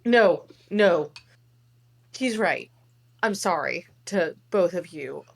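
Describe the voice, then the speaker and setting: A woman reads a remorseful old king turned into a frog, who apologizes in an earnest, halting way. The delivery is slow, and the pitch swings widely. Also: lively intonation, creaky, exaggerated voice. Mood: apologetic. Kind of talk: amateur table read.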